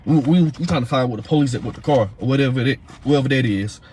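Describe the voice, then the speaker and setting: A man's voice: mid-range voice, darkish tone, slight background noise. A man retells, in a casual and heated way, how he searched for his missing daughter's mother, repeating himself often. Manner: fast, heated retelling full of fillers and repeats. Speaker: father of a missing woman's child. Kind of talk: casual storytelling.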